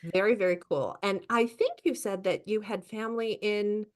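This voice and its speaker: A woman's voice: mid-range voice, normal speed. A woman hosting a podcast interview, introducing her guest with enthusiasm. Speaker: podcast host.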